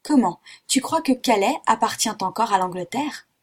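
A woman voicing an excitable middle-aged male French geographer who talks in exclamatory, theatrical outbursts. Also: fairly high pitch, moderate pace, slightly rough. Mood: excited.

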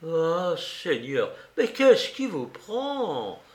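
A man's voice: fairly high pitch, slow pace, vocal fry, a bit bright, roomy sound, voice pushed up, full character voice. A man reading aloud voices a fussy, sly middle-aged magistrate who coaxes and frets over his visitor. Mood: fretful. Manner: coaxing, fretful fussing.

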